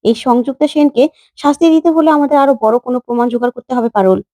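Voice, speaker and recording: A young man who sticks by the heroine talks in a relaxed, casual way, as a woman narrator lowers her voice for him. The tone is warm and mellow, and the sound is dry. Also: very fast, dry recording, close to an everyday voice. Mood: serious.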